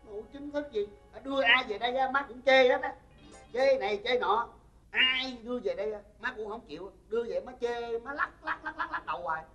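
An exasperated grown son, played by a comic actor in a stage comedy sketch, with a Southern Vietnamese accent. He argues and teases his mother in a mid-range voice, firing back quick comebacks. The faint music behind him stays low. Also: bright, forceful tone, dull audio, natural voice. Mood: arguing. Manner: teasing, arguing, quick comebacks.

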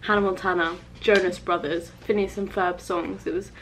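A woman's voice: lowish voice, steady tone, moderate pace, slight background noise, low-quality recording. A young woman chatting casually to camera on a travel vlog, giggly and full of fillers. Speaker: travel vlogger. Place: theme park outdoors, then hotel room. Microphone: handheld camera.

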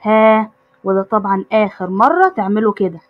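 A woman's voice: medium pitch, expressive, fairly quick, dull audio, natural voice. A woman voicing a bossy, cheerful young heroine who teases her brothers in an Egyptian accent. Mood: bossy teasing. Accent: Egyptian Arabic. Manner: teasing, bossy.

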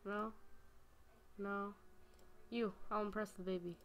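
A woman's voice: mid-range voice, steady tone, takes it slowly, fairly bright tone, slight background noise. A young woman casually commenting on her gameplay at home, chatty and giggly, talking to the creatures on screen. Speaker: gaming video host. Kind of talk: casual let's-play commentary. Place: home room. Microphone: home desk microphone.

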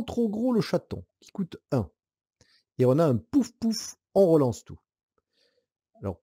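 A man with a slightly high, breathy-edged voice plays a board game solo and explains the rules as he goes, thinking aloud, counting dice, and weighing moves. His tone is casual, with hesitant fillers and soft laughs, in clean studio sound with no room sound.

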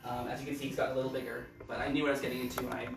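A man's voice: mid-range voice, level tone, racing, gravelly, reverberant, background noise. A man hosting a children's storytime as a drag queen, chatting casually and playfully with viewers. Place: living room at home, indoors.

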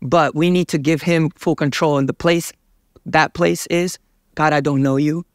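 Casting: young male evangelist, slightly higher voice, smooth and resonant, fervent preacher cadence, dry studio. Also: fairly even intonation, moderate pace, no room sound. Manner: fervent, preacher-like, gestures while talking. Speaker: evangelist guest. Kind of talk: interview about faith. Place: dark studio set, seated.

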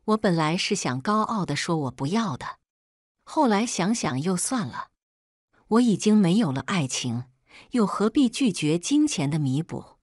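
Woman storyteller, steady scripted read, lowish and dry. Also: unhurried, no room sound. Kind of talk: first-person scripted story narration.

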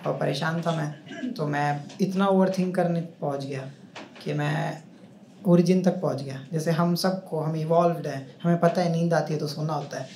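Laughter from the audience greets a young man doing stand-up in a club, where he chats with and ribs the crowd. He talks at a moderate pace, his fairly high voice steady but somewhat dark in tone. The recording comes from a handheld mic on a stand and has a roomy live-club feel with crowd noise.

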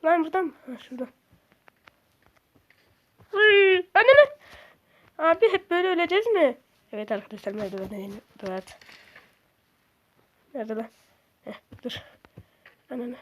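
A young woman giving casual, excitable commentary while playing a video game, swearing and shrieking at it. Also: on the high side, brisk, pauses often, highs cut off. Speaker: gaming streamer.

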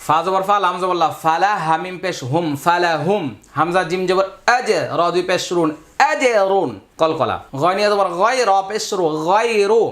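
A man teaching Quran reading, spelling out syllables one by one and then drawing whole words out slowly. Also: sits high, fairly bright tone. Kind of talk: slow letter-by-letter spelling lesson.

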